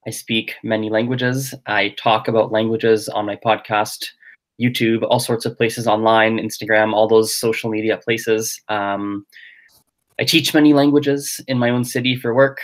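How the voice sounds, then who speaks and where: Speaking at a moderate pace with a fairly low pitch and flat delivery, a young Gujarati-speaking man chats in a relaxed interview. He teaches languages and hosts a podcast, and here he's the guest, musing aloud with plenty of filler words.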